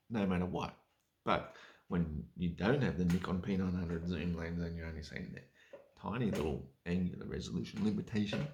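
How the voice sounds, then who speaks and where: Drunk, rambling man with a low, creaky voice. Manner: drunk, rambling, losing the thread; sweary, sarcastic. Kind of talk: rambling solo drunken rant.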